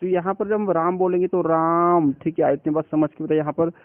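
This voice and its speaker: A man lectures to exam candidates, raising each point as a question and then answering it himself. His voice sits a little high for a man. The sound is dry and narrow, like a phone line. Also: steady tone, fast, no echo. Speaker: teacher. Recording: dry, tinny phone-like recording.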